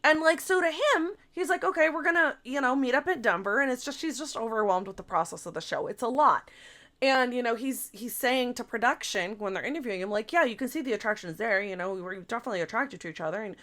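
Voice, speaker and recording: A woman podcast co-host in casual chat, retelling a story in an animated, gossipy way, full of "like" and casual swearing. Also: on the high side, quick pace.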